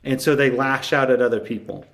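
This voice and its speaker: Calm, measured male podcast co-host. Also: medium pitch. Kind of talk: casual chat.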